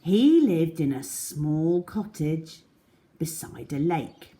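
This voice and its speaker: A woman with a slightly low voice reads a storybook aloud to young children, very slowly and deliberately. Her pitch swings widely and expressively, and she draws out words for effect.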